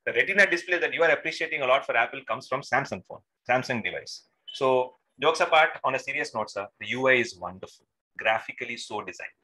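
Bright-voiced man, teaching. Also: mid-range voice, lively intonation, fast talker, poor audio. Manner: addresses learners as sir, checks with short tag questions. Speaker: instructor. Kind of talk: live online technical lesson, informal and interactive. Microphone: video call microphone.

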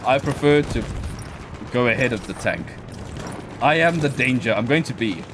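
Over game gunfire, a male co-host of a gaming channel trades casual banter at a moderate pace in a medium-pitched voice. He's excitable, swears, and pokes fun at himself.

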